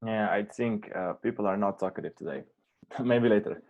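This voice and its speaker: Relaxed man moderating an online meetup. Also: fairly low pitch, normal speed, narrow, tinny audio. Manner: relaxed, informal. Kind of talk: casual chat. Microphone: video call.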